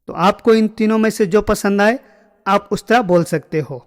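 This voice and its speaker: High-voiced man teaching phrases slowly. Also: long reverb tail. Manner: slow, repeated phrases for drilling. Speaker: language teacher. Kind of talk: spoken language lesson.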